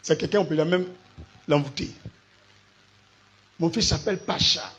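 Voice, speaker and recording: Ivorian pastor, male, husky and a bit high, preaches, spells words out, checks listeners follow. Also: a little slow, fairly bright tone. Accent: Ivorian French. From Côte d'Ivoire. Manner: preachy, spells words out letter by letter, asks the congregation questions. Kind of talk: sermon.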